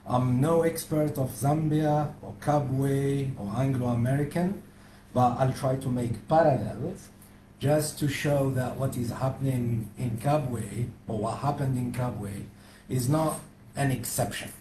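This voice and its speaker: A man's voice: mid-range voice, steady tone, takes it slowly, warm tone. A man from Algeria speaking firmly and declaratively as a panel speaker. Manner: firm, declarative. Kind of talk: panel talk. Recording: echoey room, faint noise.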